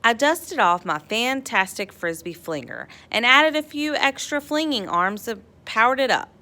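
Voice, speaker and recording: With a voice on the high side, an animated woman narrates a children's picture book expressively. Her reading is bright and playful, drawing out words and adding dramatic emphasis.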